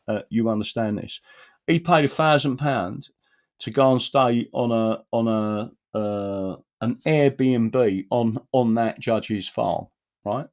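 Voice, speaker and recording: A man giving informal, emphatic commentary on a video, often checking in with "right?". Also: medium pitch. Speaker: commentator presenting a clip.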